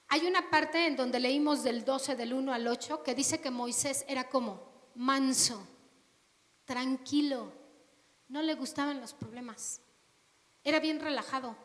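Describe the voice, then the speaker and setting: High-voiced woman preaching. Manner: animated storytelling with rhetorical questions. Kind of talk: sermon. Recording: long reverb of a hall.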